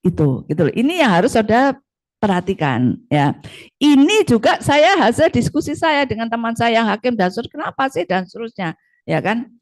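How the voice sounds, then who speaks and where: A woman's voice: on the high side, a little fast. A middle-aged woman giving a conversational law lecture, often checking in with her students. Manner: lively, conversational, frequent tag questions. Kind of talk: classroom lecture.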